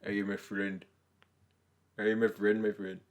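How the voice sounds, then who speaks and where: A lumbering Sasquatch in a comic podcast bit, speaking in a low, unhurried, overly friendly voice, as a young man puts him on. The delivery is exaggerated and playful, with a lowered pitch. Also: flat delivery, close to an everyday voice. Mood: solemn, friendly. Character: male Sasquatch with a put-on friendly greeting.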